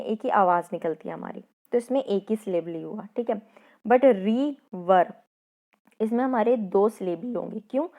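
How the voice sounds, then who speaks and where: A woman teaches a class of children. She talks patiently and keeps stopping to check that they follow. Her voice sits at a middle pitch. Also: darkish tone, lo-fi sound. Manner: patient, repeats "theek hai" to check understanding. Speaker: school teacher. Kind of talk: classroom lesson explaining a poem and syllables.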